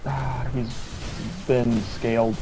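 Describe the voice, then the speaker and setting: A man's voice: medium pitch, little pitch movement, takes it slowly, mellow, low-quality recording. A laid-back man chatting on a game stream as a co-host, laughing often. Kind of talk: casual gaming stream chat. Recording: faint background noise.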